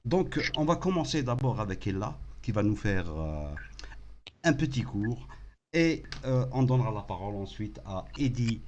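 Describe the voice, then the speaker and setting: A man's voice: mid-range voice, big pitch swings, a little mellow, a little hiss or hum. A man hosting a live online talk show, welcoming guests with many hesitations and restarts. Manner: halting, repeated hesitations and restarts. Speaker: host.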